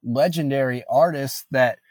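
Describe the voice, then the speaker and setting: An earnest man in his late twenties talks as a guest in a casual interview, reflective and full of "you know" fillers. His voice sits at a middle pitch, and the recording is dry and close. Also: unhurried, a little mellow, no echo. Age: late 20s. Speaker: guest musician.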